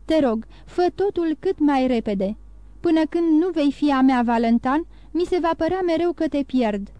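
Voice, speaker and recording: A woman's voice: high voice, animated, dark tone, dry recording. A woman voicing a young male officer, an ardent lover who pleads urgently. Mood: pleading.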